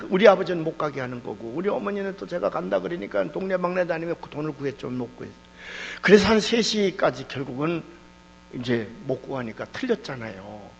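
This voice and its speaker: A male preacher tells his story at a revival, his pitch leaping and dropping in lively swings. His voice is gravelly and fairly high. The recording is dull, with a long hall echo and a faint hum. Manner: animated storytelling with sudden drops and outbursts. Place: church hall.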